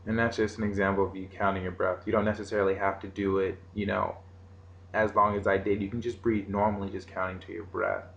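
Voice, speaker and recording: A man giving an informal meditation lesson in casual, halting, unscripted phrasing. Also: sits low, little pitch movement, vocal fry, a bit bright, muffled recording. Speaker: meditation teacher. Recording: roomy echo, faint background noise.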